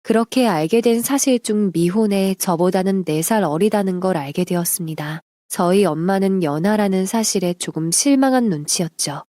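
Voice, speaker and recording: A woman narrates a submitted life story in a steady, confiding way. Her voice is mellow and warm, and the recording is dry with no room sound. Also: mid-range voice, moderate pace, few pauses, dry recording.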